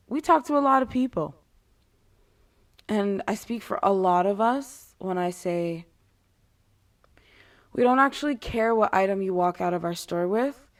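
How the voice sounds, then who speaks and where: A woman giving a casual, candid monologue in a blunt way, with casual swearing and sarcastic, exasperated asides. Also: mid-range voice. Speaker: retail worker giving advice to customers.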